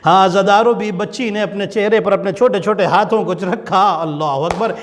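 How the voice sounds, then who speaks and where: A man leading a mourning gathering, preaching with passion and rising into a wailing chant. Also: high-pitched. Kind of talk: Urdu majlis sermon with mourning recitation. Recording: long hall reverb.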